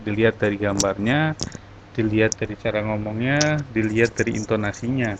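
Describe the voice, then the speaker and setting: A man's voice: fairly low pitch, a little fast. A man teaching a class, encouraging his students and explaining step by step. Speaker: English teacher. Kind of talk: online class talk. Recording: dull lo-fi recording, faint noise.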